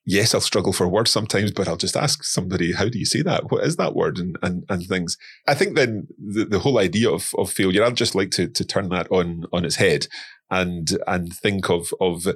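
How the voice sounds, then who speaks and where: A language course creator appears as a guest on a podcast, speaking casually in a low, husky voice at a slightly fast clip. He often repeats words while searching for them, and the recording has no room sound.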